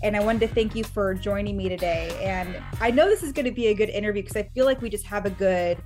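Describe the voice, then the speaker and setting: A woman interviews casually for a sports show, speaking in a medium-pitched voice. Faint music runs behind her. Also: quick pace, a little mellow.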